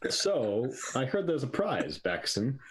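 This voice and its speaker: A man playing in a tabletop game, talking in a hesitant, halting way with many fillers. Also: medium pitch, wildly swooping pitch, slight background noise. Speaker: player. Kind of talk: casual tabletop play.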